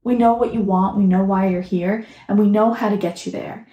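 A woman channeling a collective spirit guide that speaks as "we", calm and reassuring in slow, measured statements. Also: mid-range voice, roomy sound, dull audio, close to an everyday voice. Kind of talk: channeled message. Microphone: phone.

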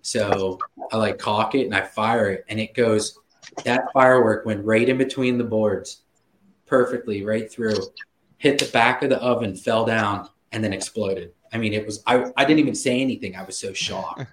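A man's voice: on the low side, moderate pace, roomy sound, a little hiss or hum, poor audio. A man telling a story in casual podcast talk, laughing often and swearing freely. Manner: laughing, profane, animated storyteller. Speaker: guest.

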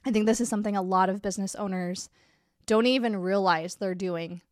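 A woman's voice: medium pitch, steady tone, brisk, no room sound, studio quality. A woman hosting her own business podcast, talking casually and candidly while congested from a cold. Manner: candid, conversational, upbeat. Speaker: podcast host and business coach. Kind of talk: casual solo podcast talk.

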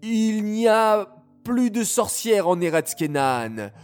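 A man's voice: high-pitched, sing-song, slow pace, a little mellow, clear, resonant tone, faint music behind, voice pushed up, full character voice. A man voicing nervous servants of a king in a children's story, stammering and hesitant. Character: timid stammering male royal servants.

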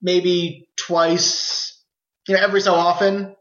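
A man's voice: high-pitched, little pitch movement, takes it slowly, a bit bright. A young man co-hosting a podcast, chatting casually about a film and stumbling over the first words of his sentences. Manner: hesitant, repeats words when starting. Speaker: podcast co-host. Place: apartment with open windows. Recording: roomy, dull lo-fi sound.

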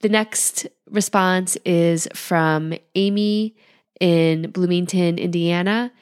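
A woman hosting a podcast in a gentle, unhurried way, her voice nasal while she gets over an illness. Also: fairly low pitch, steady tone, clear, resonant tone. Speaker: podcast host, holistic life coach. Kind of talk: calm podcast talk.

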